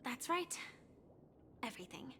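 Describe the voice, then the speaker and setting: A woman voicing a cool, resolute, skeptical young woman in a video game, measured and matter-of-fact. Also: high-pitched, sing-song, pushed and bright, a little hiss or hum, full character voice. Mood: earnest, calm. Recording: music behind. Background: game music.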